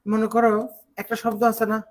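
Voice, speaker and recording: A teacher from Bangladesh teaches English grammar in an online class. The voice sits at a middle pitch and moves patiently through each point. Quick rhetorical questions keep the students following along. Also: monotone, slight background noise, poor audio. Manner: explains step by step, asks rhetorical check questions.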